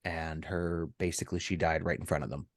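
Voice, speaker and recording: A middle-aged man, a podcast co-host, telling a personal story in a halting way with many ums and restarts. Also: extremely low pitch, fairly even intonation, no echo.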